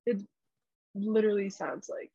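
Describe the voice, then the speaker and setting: A woman's voice: mid-range voice, moderate pace, vocal fry, dark tone, husky, no room sound, dull audio. A young woman co-hosting a podcast, chatting in a laid-back, wry way and saying "like" a lot. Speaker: podcast co-host. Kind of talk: casual chat.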